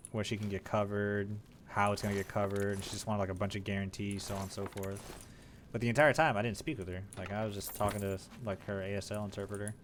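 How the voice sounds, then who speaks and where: A man's voice: fairly low pitch, a little hiss or hum. A man from Mexico streaming live, chatting casually while he plays and telling rambling, profane stories about work calls. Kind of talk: casual chat while gaming.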